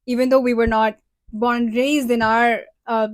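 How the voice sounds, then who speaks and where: A woman's voice: a little high, flat delivery, normal speed, no room sound. A woman in her twenties from Dubai, co-hosting a casual podcast and explaining things at length in an earnest, talkative way. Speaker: podcast co-host.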